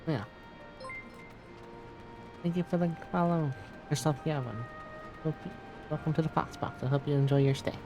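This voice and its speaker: A man's voice: fairly high pitch, normal speed, long pauses. A man streaming a game, chatting casually and greeting viewers by name. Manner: friendly, greets chat by name. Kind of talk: casual chat while gaming. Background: lofi music.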